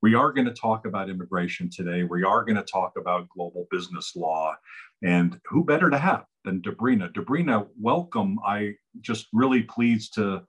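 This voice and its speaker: A man hosting a podcast, with a very deep voice that has a husky edge. He introduces his guest with lavish praise and small stumbles. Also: animated, moderate pace. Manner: warm, effusive introductions with stumbles. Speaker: podcast host. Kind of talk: interview hosting.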